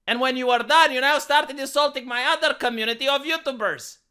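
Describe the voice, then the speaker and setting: A man's voice: extremely high pitch, fairly quick, bright, forceful tone. A YouTuber man ranting in sarcastic, indignant commentary, often repeating words as he gets worked up.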